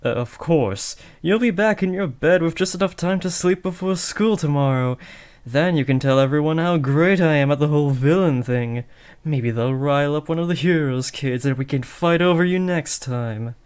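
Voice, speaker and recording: With a fairly high, clean, slightly mellow natural voice at normal speed, a young man acts out a villain's cocky but awkward teenage son playing at kidnapping. The scripted roleplay speaks directly to the listener, mixing theatrical, boastful taunts with sheepish, offhand moments.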